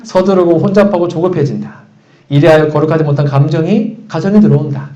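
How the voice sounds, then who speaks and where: A man's voice: a little high, quick pace, dark tone. A man preaching a sermon as pastor, talking animatedly and asking the congregation questions. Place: church sanctuary. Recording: echoey church room, dull lo-fi sound.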